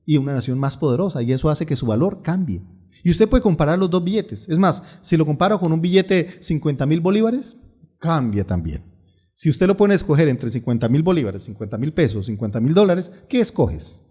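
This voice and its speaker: A middle-aged male pastor, preaching a sermon in a humorous storytelling manner with lively asides. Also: on the high side, fairly quick, breathy edge.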